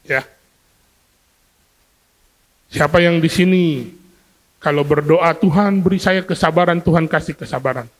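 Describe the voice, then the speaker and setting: A man preaching a sermon to a congregation, lively and questioning, acting out everyday scenes to make his point. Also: on the high side, a little slow, long pauses. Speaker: pastor. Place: church hall. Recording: long hall reverb from a church.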